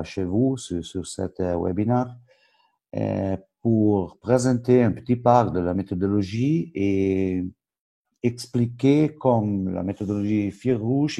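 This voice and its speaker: Low, gravelly man with an Italian accent. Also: mellow. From Switzerland. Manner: halting, searching for words in a second language. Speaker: football coach educator. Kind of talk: webinar presentation.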